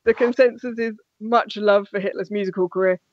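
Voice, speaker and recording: A woman's voice: mid-range voice, steady tone, a little fast, no room sound. A woman hosting a podcast in casual chat, joking as she moves through her questions. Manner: jokey, leads the questions. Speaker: podcast host. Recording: dull dry recording.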